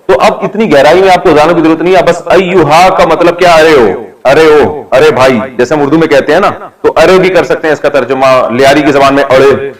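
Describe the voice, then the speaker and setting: A man's voice: a little high, poor audio. A middle-aged man teaching a Quran lesson, explaining each word, quizzing the class and joking as he writes on a board. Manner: explains word by word, asks and answers own questions, jokes. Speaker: religious scholar teaching. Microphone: recorded lesson while writing on a board.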